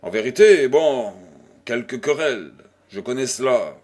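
A man's voice: mid-range voice, expressive, unhurried, darkish tone. A man voicing an elderly aristocratic dowager who teases and fusses over a young widow, in a storybook reading. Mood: dismayed. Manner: mock-scolding, playful, exclamatory.

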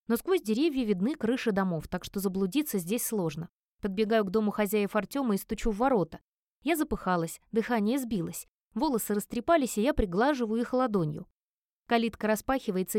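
A woman reading a first-person romance novel aloud as an audiobook narrator, with expressive, emotive storytelling. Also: medium pitch, no room sound, studio quality.

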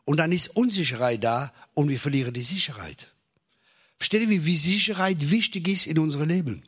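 Husky-voiced male preacher. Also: fairly high pitch, lively intonation, brisk. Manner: preaching to a congregation with jokes and rising emphasis. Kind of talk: sermon.

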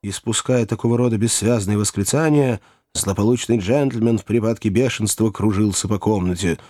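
A man narrating a classic novel as an audiobook in an expressive, animated way. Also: fairly low pitch, moderate pace, no echo, clean studio sound.

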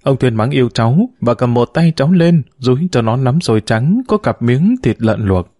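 A man reads a novel aloud in a steady, measured way. His voice is warm and mellow, at a middle pitch. The recording is dry and close, with no room sound. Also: no echo. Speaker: narrator. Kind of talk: audiobook narration of a novel.

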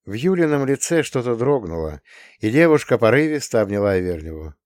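A man narrating an audiobook with expressive storytelling. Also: mid-range voice, fairly quick, no room sound, clean studio sound.

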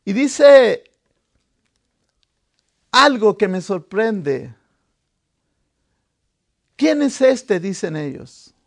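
A man preaching a sermon, telling a story dramatically and swinging from hushed lines to shouted ones. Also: sits high, very animated, drawn-out words, creaky, pauses often. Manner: dramatic, acting out the disciples' voices.

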